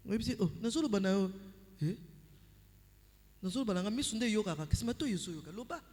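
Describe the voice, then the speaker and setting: A woman with a Congolese accent preaching at a couples' retreat, animated and acting out conversations with her husband, slipping into Lingala phrases. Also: mid-range voice, normal speed. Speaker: pastor speaking at a couples' retreat. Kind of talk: sermon. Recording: long hall reverb.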